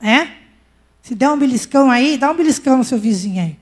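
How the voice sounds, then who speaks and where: A woman's voice: sits high, expressive, brisk, darkish tone, slightly rough. A middle-aged woman with a Brazilian Portuguese accent preaching at a women's church service, conversational and full of personal stories. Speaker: pastor's wife preaching.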